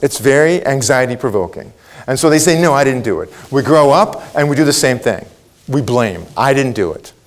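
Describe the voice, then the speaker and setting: Expressive and fairly quick, this mid-range male voice belongs to a middle-aged keynote speaker from Israel, a native Hebrew speaker. His motivational talk includes questions put to the audience and quotes he performs.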